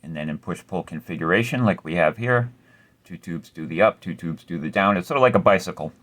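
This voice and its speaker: A man's voice: deep voice, lively intonation, a little fast, a bit bright, slight background noise. A man hosting a casual repair tutorial, explaining step by step in a laid-back way with some mild cursing. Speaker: amplifier repair host.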